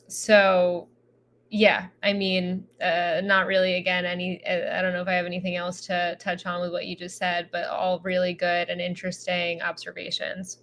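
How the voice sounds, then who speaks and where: A woman's voice: fairly low pitch, pushed and bright, slight background noise. A woman co-hosting a podcast, musing reflectively in a casual chat with lots of filler words. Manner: reflective, filler-heavy, thoughtful. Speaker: podcast co-host.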